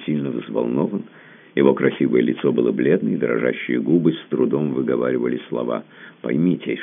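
A man reading classic prose as an audiobook narrator, measured and even. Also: rumbling low, gravelly. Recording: lo-fi phone-like audio.

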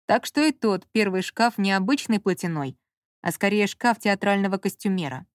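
Женщина ровно и размеренно читает аудиокнигу. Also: female voice, mid-range voice, normal speed, no room sound, clean studio sound. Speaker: narrator. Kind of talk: audiobook narration.

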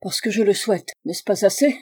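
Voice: mid-range voice, fairly quick, dark tone, breathy edge, no room sound, natural voice. Un lecteur qui fait parler un détective malade et autoritaire, d'un ton sec et impérieux. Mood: curt. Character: feverish, imperious male detective, commanding.

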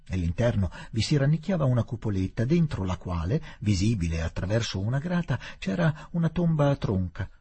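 A man reading a novel aloud with expressive, measured narration. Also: on the low side, breathy edge. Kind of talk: literary audiobook reading.

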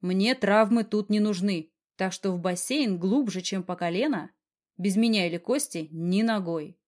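A woman reading an audiobook and voicing a stern, protective young male boss who speaks slowly and firmly. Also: mid-range voice, a little mellow, natural voice. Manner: slow, firm, growling.

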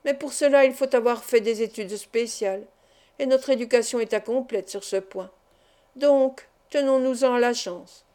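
A man's voice: very high voice, moderate pace, dark tone, clean tone. A woman reading as an ironic impudent gambler. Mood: coaxing. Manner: ironic, coolly confident. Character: impudent ironic male gambler, middle-aged.

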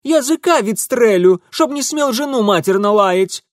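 A man voicing a sharp-tongued, plump red-haired shopkeeper's wife with a Ukrainian accent in an audiobook. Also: very high-pitched, moderate pace, dry recording, studio quality, pitched above the performer's own voice. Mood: scolding. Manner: sharp-tongued, then coquettish.

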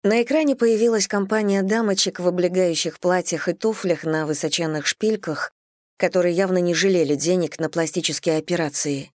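An audiobook narrator reading a thriller novel in an even, steady storytelling manner. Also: medium pitch, fairly quick, dry recording, clean studio sound.

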